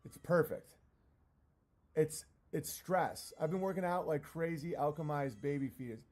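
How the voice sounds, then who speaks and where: A male streamer with a slightly high-pitched voice. He talks casually to his viewers, stopping and starting as he rambles. His language is profane and often turned against himself. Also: animated, a little slow, darkish tone. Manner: profane, self-deprecating. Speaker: live streamer. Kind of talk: casual livestream rant, answering chat comments.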